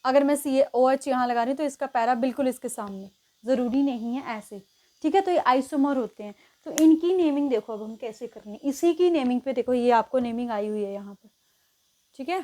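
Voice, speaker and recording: High-voiced woman teaching chemistry. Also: fairly quick, dark tone. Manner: explains step by step, counts positions aloud, often checks with "ठीक है". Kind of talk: exam-prep lesson at a board.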